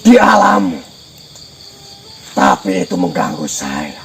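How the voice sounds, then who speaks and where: A gravelly male spirit guarding his haunt, as a man puts him on, speaking in slow, commanding questions. His pitch sits high but swings wildly, dropping into deep growls. He sounds outdoors at night. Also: wildly swooping pitch, fairly bright tone, a little hiss or hum, heavily acted. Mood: stern. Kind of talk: spirit-possession role-play.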